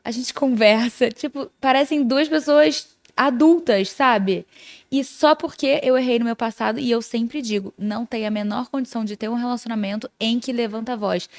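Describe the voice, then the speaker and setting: A young woman with a Brazilian Portuguese accent and a slightly high voice, co-hosting a casual podcast. She speaks reflectively and agreeably, full of conversational fillers. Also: darkish tone. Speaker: podcast co-host. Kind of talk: casual chat.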